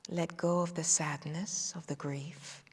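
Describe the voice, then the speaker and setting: A woman guides listeners through a breathing and movement meditation, her words unhurried and gentle. She often sinks into a hushed whisper. Her voice trails off into a long hall reverb. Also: low-pitched, steady tone, breathy edge. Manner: slow, soothing, drifting into whispers. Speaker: qigong instructor.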